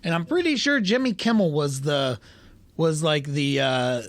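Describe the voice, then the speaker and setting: A man's voice: a little high, expressive, unhurried, no room sound. A man in his thirties co-hosting a casual podcast, laughing often and swearing while bantering over a ranked list. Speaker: podcast co-host. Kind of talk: casual chat.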